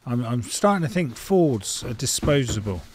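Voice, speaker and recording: A man's voice: mid-range voice, very animated, moderate pace, darkish tone. A middle-aged man, talking casually and frankly as he works on a car in an indoor garage, thinking aloud with fillers. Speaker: home mechanic. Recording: faint noise and tool clicks.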